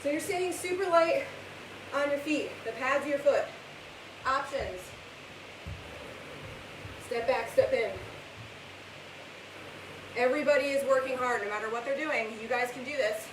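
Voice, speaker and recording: High-pitched woman coaching a workout, echoey and hissy. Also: unhurried, long pauses. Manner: motivating, calling out encouragement, cues and countdowns; exerting herself while talking through the exercises. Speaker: fitness instructor leading a home workout class. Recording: echoey room, far from mic, loud hiss.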